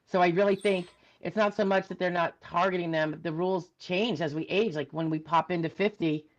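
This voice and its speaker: A woman's voice: on the low side, fairly even intonation, brisk, lo-fi sound. A woman attorney in a casual discussion, thinking aloud and checking in with "right?".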